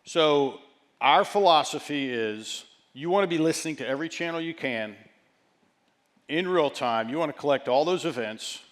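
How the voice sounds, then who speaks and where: Male executive delivering a keynote, deliberate and emphatic. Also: fairly high pitch, expressive. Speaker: company chief executive giving a keynote. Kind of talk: keynote presentation.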